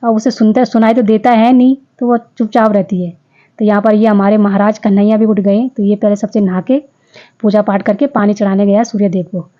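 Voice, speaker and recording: A woman's voice: medium pitch, steady tone, fairly quick, warm tone, highs cut off. A woman in her fifties narrating her home vlog in a chatty, homely way, speaking straight to her viewers. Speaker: vlogger. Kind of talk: casual vlog voice-over narration.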